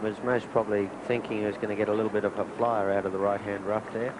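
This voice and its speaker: A man's voice: fairly low pitch, little pitch movement, fast. A man giving conversational, expert golf commentary on television. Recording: noisy outdoor 1980s TV broadcast.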